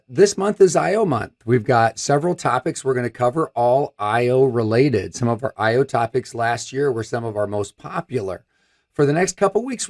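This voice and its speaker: In front of a brick wall, a Michigan man in his fifties presents a product on a technical live stream. His scratchy voice is mid-range and darkish, and as host he's upbeat and chatty, gesturing while he speaks.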